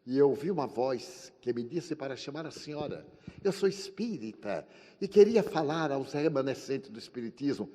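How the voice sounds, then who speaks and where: An older man from Brazil giving a spiritist lecture, telling a personal story and acting out the dialogue with sweeping changes in pitch and loudness. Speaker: spiritist speaker. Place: lecture hall at a congress. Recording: long hall reverb from a live congress.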